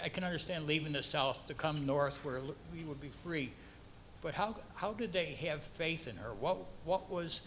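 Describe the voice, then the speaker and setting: A man serving as mayor, reading a formal proclamation and then speaking off the cuff with halting, repeated words. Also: a little high, a bit bright, a little hiss or hum, low-quality recording.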